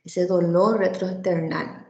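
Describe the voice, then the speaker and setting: A woman's voice: on the low side, fairly even intonation, slow, darkish tone, reverberant, dull audio. A woman giving a medical lecture, explaining step by step and ending almost every phrase with a checking "right?" or "yes?". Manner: tags nearly every phrase with "¿verdad?" or "¿sí?"; explanatory, speaks directly to the students.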